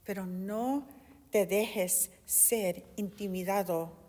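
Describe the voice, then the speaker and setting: A woman's voice: medium pitch, steady tone, slow pace, dark tone. A woman in her fifties preaching a sermon and giving an earnest, impassioned personal testimony. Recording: long hall reverb.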